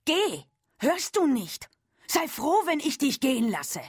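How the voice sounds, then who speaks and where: A woman's voice: low-pitched, steady tone, unhurried, creaky, breathy edge, dry recording, studio quality, full character voice. A woman reading aloud, voicing a cold, hostile shop saleswoman who speaks curtly. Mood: screaming. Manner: icy, curt, then shouting.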